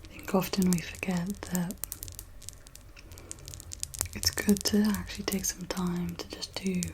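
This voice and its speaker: A woman gives a gentle, reassuring whispered pep talk as guided ASMR relaxation, in a soft breathy whisper with pauses. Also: on the low side, flat delivery, slight background noise. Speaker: ASMR host guiding relaxation.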